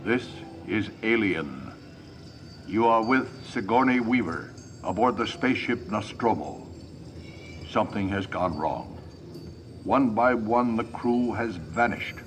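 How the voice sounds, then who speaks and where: A man's voice: on the low side, expressive, slow. A man voicing a portentous, formal theme park announcer in scripted dramatic narration. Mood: ominous. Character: ominous male ride announcer and film narrator. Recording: noisy on-ride camera capture.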